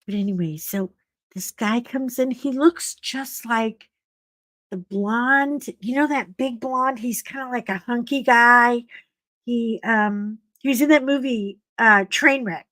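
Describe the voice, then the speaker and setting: Chatting with viewers on a relaxed live stream, a middle-aged woman tells a story in a slightly froggy voice, swooping dramatically in pitch as she greets people. She speaks slowly with a fairly bright tone, and the recording is dry.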